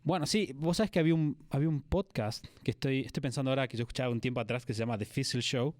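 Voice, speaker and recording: Male podcast host from Argentina, Argentine Spanish accent, curious interviewer, mid pitch, dry recording. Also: rapid-fire, darkish tone, no room sound. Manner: curious, asks long, rambling questions. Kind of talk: conversational interview.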